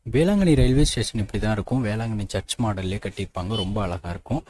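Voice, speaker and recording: A man from Tamil Nadu talks through a travel guide at a quick clip. His voice is dark and mellow, and his practical, matter-of-fact manner speaks straight to the viewer. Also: on the low side, animated, a little hiss or hum. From Tamil Nadu, India. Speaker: travel vlogger.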